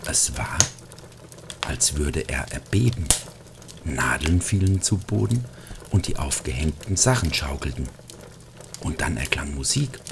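A middle-aged man reading a Christmas storybook aloud, gentle and hushed at times, with lively swings into character voices. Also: unhurried, vocal fry, pauses often, background noise. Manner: gentle, hushed, drops to a whisper in places; lively character voices rising high for quotes. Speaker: narrator. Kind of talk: scripted storybook narration.

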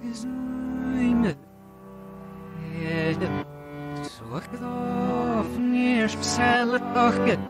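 A man's singing voice reversed, its syllables smeared into garbled, drawn-out sounds. The phrasing drags very slowly, and a band plays loudly behind him. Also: very high voice. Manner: slurred, garbled sung syllables. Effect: played backwards. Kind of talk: song vocal. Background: loud band playing.

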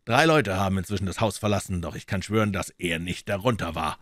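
A man voicing an earnest young male American detective who talks urgently and loudly. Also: deep voice, fast, no room sound, studio quality.

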